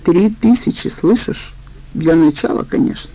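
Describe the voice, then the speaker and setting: A woman's voice: lowish voice, moderate pace, mellow, poor audio. A woman voicing a curt, guarded male criminal in a storybook reading. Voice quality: curt, brusque.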